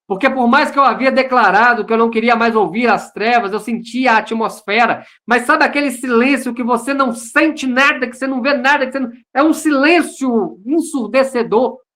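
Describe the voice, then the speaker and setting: A man's voice: extremely high pitch, fairly quick, hardly any pauses, sharp tone. A Brazilian man, a pastor, sharing his personal testimony in an online service over a video call, earnest and repeating phrases for emphasis. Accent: Brazilian Portuguese.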